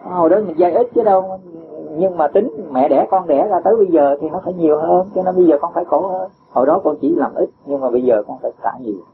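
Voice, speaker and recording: Speaking quickly with few pauses in a voice on the high side, a male Buddhist teacher gives a patient dharma talk in answer to a disciple. He uses homely examples and often chuckles. Faint hiss sits beneath the dull lo-fi recording.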